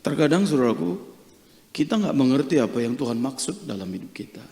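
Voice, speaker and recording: A middle-aged male pastor preaching a sermon, telling a personal story in a lively, joking way with frequent hallelujahs. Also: medium pitch, a little fast, vocal fry. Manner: lively, jokey, peppered with hallelujahs. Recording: reverberant church hall.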